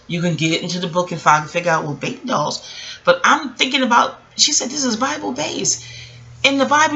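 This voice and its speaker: With a mid-range voice and vocal fry, a woman vlogger in her early forties rambles through a personal story in a casual, reflective way, digressing often and performing people's lines in an animated retelling. The audio quality is poor.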